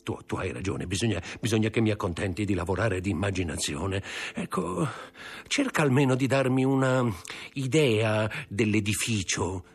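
A man reading aloud voices a crafty, greedy older man who stammers and whines with fawning, tearful flattery. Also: on the low side, normal speed, slightly rough.

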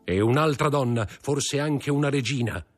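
A man's voice: mid-range voice, moderate pace, faint music behind, pitched above the performer's own voice, lightly acted. A man reading an audiobook, voicing a stern magistrate who coldly accuses his wife. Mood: cold accusing. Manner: cold, accusing, contemptuous.

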